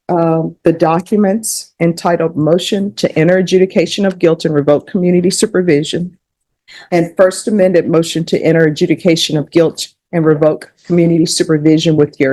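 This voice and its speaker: A woman judge speaks in a fairly low voice. She asks her questions at a steady, measured pace and keeps to procedural wording. The sound is recorded in a courtroom.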